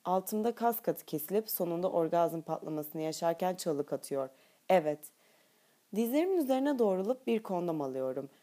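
Audiobook narrator, female, warm lowish tone, steady intimate delivery. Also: a little fast, hardly any pauses. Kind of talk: audiobook narration, first person.

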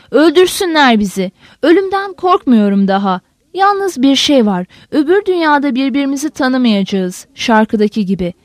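A woman voicing a condemned male prisoner who speaks in a low, resigned, heavy tone, read for an audiobook. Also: dry recording, clean studio sound, lightly acted. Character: grim male prisoner awaiting death, weary. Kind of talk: audiobook character voice.

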